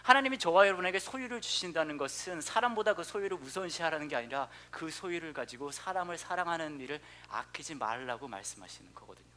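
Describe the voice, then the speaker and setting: A man in his thirties preaching a sermon, telling stories with lots of animation and then dropping to a soft, near-whispered tone for his earnest points. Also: on the high side, animated, fast, few pauses. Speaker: pastor. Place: church sanctuary.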